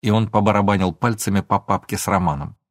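A man narrating a story in an audiobook with measured, even storytelling. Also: fairly low pitch, dry recording, clean studio sound. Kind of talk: scripted narration.

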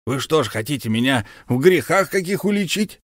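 A man voicing a hot-tempered, tipsy, pushy male count who blusters and quickly turns angry, in an audiobook reading. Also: fairly high pitch, lively intonation, no echo, studio quality, voice pushed up.

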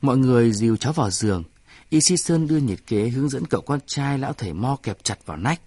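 A man reading a story aloud in a measured storytelling manner. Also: mid-range voice, lively intonation, a little mellow, slightly rough, dry recording. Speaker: narrator. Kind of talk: scripted story narration.

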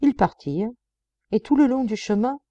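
A woman reading a classic novel aloud as an audiobook, in an expressive, dramatic manner. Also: fairly high pitch, moderate pace, no room sound, dull audio. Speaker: audiobook reader.

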